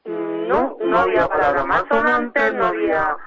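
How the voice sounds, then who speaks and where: Una mujer entrevistada en la radio como madre, con la voz distorsionada y bajada de tono para ocultar su identidad. Cuenta su historia con cuidado y vacila a menudo. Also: female voice, animated, moderate pace, music in the background. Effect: voice distorted and pitched down to hide her identity. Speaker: mother interviewed as radio guest. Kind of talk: personal account in a radio interview.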